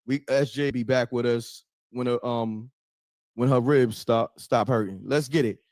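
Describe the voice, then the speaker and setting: A man's voice: medium pitch, fairly even intonation, measured pace, darkish tone, no room sound. A man hosting a live call-in show, talking casually and hyping up his audience. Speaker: livestream host taking calls. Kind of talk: casual hype talk show.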